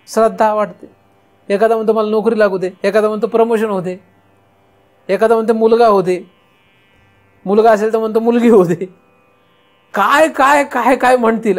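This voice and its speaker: With faint music behind him, a Marathi-accented man from India delivers a spiritual discourse in a very high, somewhat mellow voice. As a spiritual teacher, he keeps posing rhetorical questions and supplying the answers himself.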